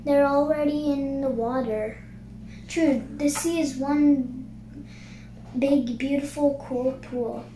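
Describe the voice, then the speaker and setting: A woman's voice: high-pitched, fairly even intonation, slow, dark tone. A young girl voicing a cheerful, playful narwhal from a picture book, in a chirpy manner. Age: child. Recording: noisy, roomy home recording.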